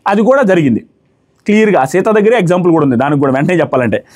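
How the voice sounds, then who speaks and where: Fast-talking high-voiced male reviewer. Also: lively intonation, darkish tone. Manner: rapid, analytical, mixes in English phrases. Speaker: reality show reviewer. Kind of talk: casual commentary to camera.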